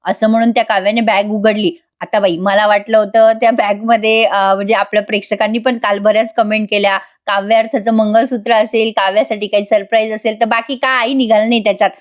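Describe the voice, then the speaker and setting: A woman's voice: medium pitch, level tone, fast, few pauses. A woman giving a chatty voice-over review of a TV serial episode, talking straight to her viewers in a gossipy way. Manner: gossipy, addresses viewers directly.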